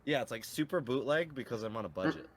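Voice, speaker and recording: A man's voice: medium pitch, fast. A man on a podcast, chatting casually in a dry, self-mocking way. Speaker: podcast co-host. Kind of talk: casual chat.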